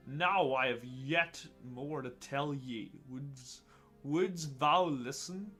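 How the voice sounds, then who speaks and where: A man voicing an ancient, wise male tree spirit, reading game dialogue aloud in slow, archaic, solemn tones. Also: mid-range voice, a bit bright, faint music behind.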